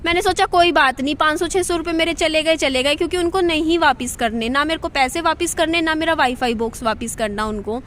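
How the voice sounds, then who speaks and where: High-voiced woman venting casually. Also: fairly bright tone, slight background noise. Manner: chatty, venting, repeats herself. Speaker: vlogger. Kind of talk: casual vlog monologue. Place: at home.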